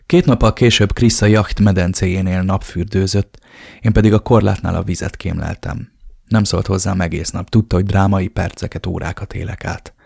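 A man narrating a romance novel in the first person with a low, brooding, even delivery. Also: gravelly, husky, no room sound, clean studio sound. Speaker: audiobook narrator.

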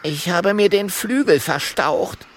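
A man's voice: high-pitched, expressive, slow pace, a little hiss or hum, voice pushed up. A man voicing a friendly, clever little male fire dragon. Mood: earnest.

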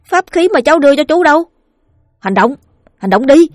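A woman's voice: high-pitched, animated, brisk, no room sound, pitched above the performer's own voice. A woman doing a bossy young boy ghost hunter. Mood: urgent. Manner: urgent, commanding.

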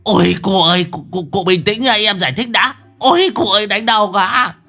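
A man's voice: sits high, expressive, normal speed, gravelly, sharp tone, soft background music, pitched above the performer's own voice, heavily acted. A man voicing a boastful, scheming old village con man who squeals and whines when he gets caught. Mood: panicked. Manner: bragging, then squealing and whining when caught.

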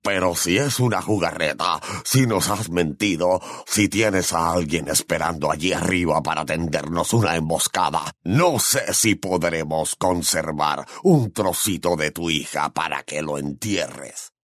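A harsh, menacing Death Eater voiced by a man in an audiobook. The voice sits extremely low and gravelly, every line a sneering threat. It is recorded dry and close. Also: a little slow, hardly any pauses, fairly bright tone, dry recording. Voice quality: rough, gravelly. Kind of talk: audiobook narration.

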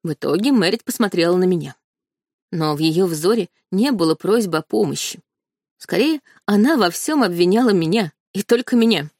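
A woman narrating a first-person novel as an audiobook reader, with steady storytelling. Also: on the low side, moderate pace, dry recording, clean studio sound. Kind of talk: scripted narration.

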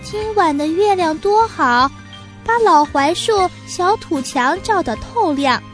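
A woman with a high voice narrates a children's story, clear and expressive. Faint music runs beneath her reading. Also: takes it slowly.

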